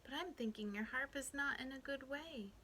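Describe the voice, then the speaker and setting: A tiny male leprechaun squeals in a high, shrill voice, as a woman reader puts him on. He turns sly and firm with travelers. The tone is bright and a little edgy, read aloud from a children's storybook. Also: moderate pace, slight background noise.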